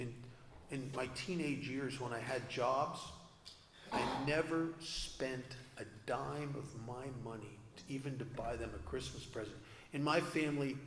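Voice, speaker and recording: A man's voice: medium pitch, a little hiss or hum. Confessional man speaking in an echoey hall. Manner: earnest, confessional, self-deprecating humor. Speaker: speaker at a recovery convention. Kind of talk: personal recovery talk to an audience. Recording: echoey hall with long reverb.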